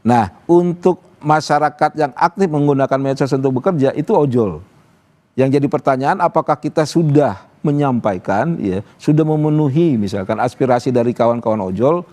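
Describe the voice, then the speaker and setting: This activist guest on a live studio talk show has a medium-pitched, mellow voice and a normal pace. His manner is easygoing and wordy, peppered with "gitu" and "apa namanya."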